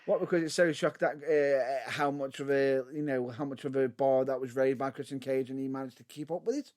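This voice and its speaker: A man's voice: mid-range voice, fairly even intonation, a little fast, darkish tone. A man co-hosting a podcast, laughing often and steering the talk onward. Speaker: podcast co-host. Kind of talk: casual chat.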